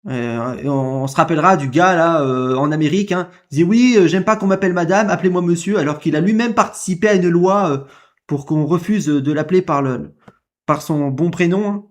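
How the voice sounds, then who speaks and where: Guy ranting at a clip, keeps repeating himself, asks "ah bon?" type questions, slightly high voice. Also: brisk. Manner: indignant, repeats himself, fires rhetorical questions. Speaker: video reactor commenting on a clip. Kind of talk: casual commentary.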